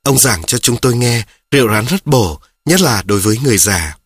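A man narrating a children's story in a steady reading voice, speaking directly to his listeners. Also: mid-range voice, brisk, slightly rough, dry recording, clean studio sound.

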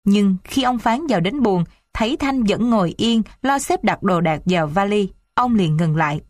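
A woman narrating a story in a steady, expressive reading voice. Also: mid-range voice, no room sound, clean studio sound.

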